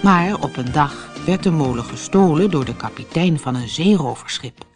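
A woman narrating a children's storybook in a lively, expressive reading. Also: sits low, normal speed, over music.

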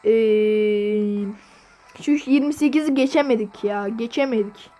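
A woman hosting her gaming channel, commenting on gameplay in an excitable way and repeating phrases over and over. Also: a little high, a little slow, soft background music.

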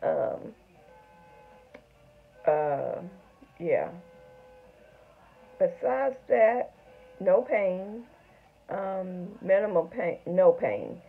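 A middle-aged woman speaking without her front teeth, chatting haltingly to camera in a casual video diary. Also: fairly low pitch, expressive, creaky, breathy edge, soft background music. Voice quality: toothless speech, front teeth missing. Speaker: vlogger. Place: small home room, indoors. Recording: tinny, phone-like narrow sound.

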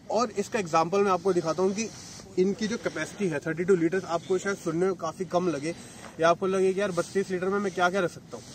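On an open lakeshore, a man in his thirties who vlogs about motorcycles explains gear one step at a time in a relaxed, chatty demo. He has a high voice, and slight background noise is audible.

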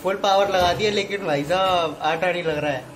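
A man's voice: high voice, brisk, slight background noise. A man in his twenties chatting and teasing as he films a casual home vlog on a phone held at arm's length. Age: 20s. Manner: chatty, teasing, addresses viewers directly. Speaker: vlogger. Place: home kitchen, later a rooftop at dusk. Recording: echoey room with loud music.

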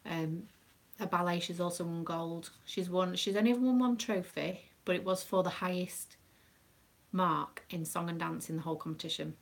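Gravelly-voiced British mum chatting. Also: female voice, on the low side, fairly even intonation, moderate pace, slight background noise. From United Kingdom. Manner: chatty, rambling, with many ums. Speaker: craft live-streamer and dance mum. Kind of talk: casual live-stream chat.

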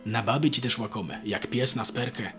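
A man's voice: mid-range voice, moderate pace, music in the background, lightly acted. A man voicing a shrewd, boastful older peasant soldier who talks in a folksy rural dialect, scaring his comrade. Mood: boastful, scaremongering.

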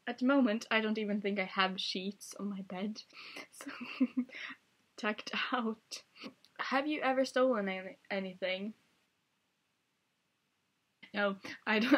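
Speaking into the webcam on her desk, a young Swedish-native woman records a casual tag video in a small indoor bedroom, joking around and laughing a lot. She has a medium-pitched, fairly bright voice.

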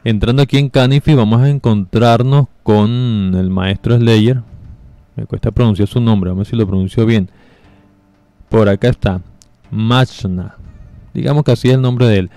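A man giving casual step-by-step commentary over a game walkthrough, relaxed and explaining with fillers. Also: mid-range voice, moderate pace, clear, resonant tone, dry recording, soft background music. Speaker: gameplay guide narrator.

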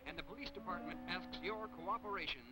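An actor playing a male radio announcer whose special news bulletin cuts into a broadcast, in a brisk, formal delivery. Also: high voice, over loud music. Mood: urgent. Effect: radio news bulletin cutting into a program, heard from a distance. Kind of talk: vintage cartoon voice acting.

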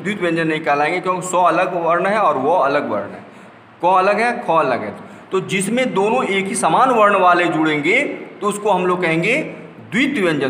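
A man teaching a school grammar lesson, spelling out letters slowly one by one and explaining with rhetorical questions. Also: high voice, a bit bright, reverberant, in a large hall, a little hiss or hum.

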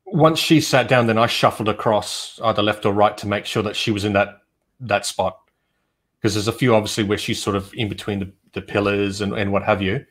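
A man, a photographer, chatting casually on a livestream over a video call and telling shoot stories in a relaxed way with many fillers. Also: on the low side, a little fast. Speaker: photographer guest.

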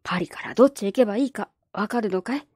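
A woman voicing a kindly, gruff old Parisian man who talks bluntly in a storybook reading. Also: mid-range voice, rapid-fire, darkish tone, no room sound, clean studio sound, close to an everyday voice. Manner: gruff, blunt, folksy speech.

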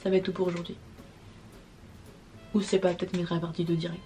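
A woman's voice: on the low side, little pitch movement, a little fast, warm tone, soft background music. A young woman vlogging a storytime, exasperated and slangy, swearing as she vents. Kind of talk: casual storytime monologue.

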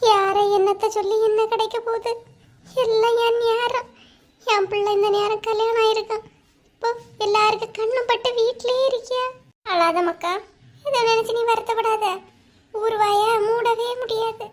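Woman doing a high squeaky older village mom w/ kanyakumari tamil accent, sighs a lot, cartoon story. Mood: lamenting. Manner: high-pitched, sighing, slow lament. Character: worried older village mother, lamenting.

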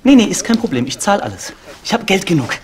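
A man's voice: sits high, big pitch swings, fast talker, a little mellow. An actor playing an agitated, pleading, impatient man at his wits' end in a naturalistic short film. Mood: forced friendliness. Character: frantic, exasperated jobless man caught in a repeating time loop. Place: indoor living room.

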